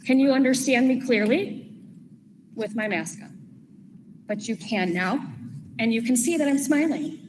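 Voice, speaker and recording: A woman's voice: on the high side, unhurried, long pauses. A woman, a parent, giving an earnest public comment at a school board meeting, with chatty asides. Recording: echoey hall with steady background noise.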